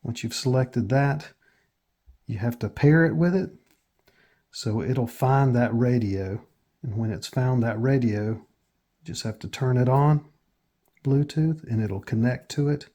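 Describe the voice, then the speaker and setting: An American man hosts a casual, step-by-step tutorial, explaining things plainly and matter-of-factly with hesitant pauses. His voice is mellow and medium-pitched.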